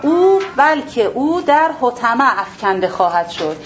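Woman religion teacher lecturing a class, slightly high voice, rhetorical questions, emphatic repetition, muffled recording. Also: very animated. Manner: asks and answers her own rhetorical questions, repeats words for emphasis. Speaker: Quran teacher. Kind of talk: explanatory religious lesson to a class. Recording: dull lo-fi recording with faint background noise.

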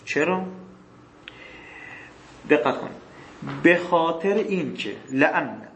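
A male teacher giving a classroom lecture on grammar texts. He asks questions and answers them himself, reads passages slowly, and often clears his throat. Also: fairly high pitch, lively intonation, a bit bright, reverberant, slight background noise. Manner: reads passages slowly, then explains faster.

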